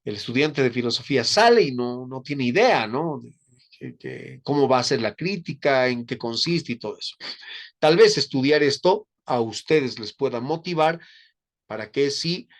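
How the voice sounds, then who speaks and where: A man's voice: medium pitch, animated. Congested, duck-voiced man giving a lecture. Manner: halting, with frequent tag questions seeking agreement. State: congested, nasal stuffy-nose voice he calls a duck voice. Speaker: philosophy lecturer. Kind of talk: informal spoken lecture.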